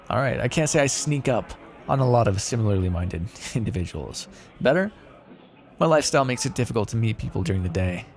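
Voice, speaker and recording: Playing a male vampire in an ASMR roleplay, a man sounds flirtatious and wry, his medium-pitched voice carrying a gravelly fry and rising and falling in a very lively way. His casual, teasing talk has a sardonic, faintly threatening edge.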